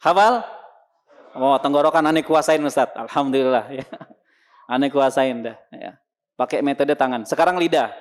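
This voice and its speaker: A man's voice: mid-range voice, moderate pace, long pauses. A man teaching a congregation how Arabic letters are pronounced, asking questions and answering them himself, then sounding the letters out. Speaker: Quran recitation teacher. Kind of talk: lesson to a congregation.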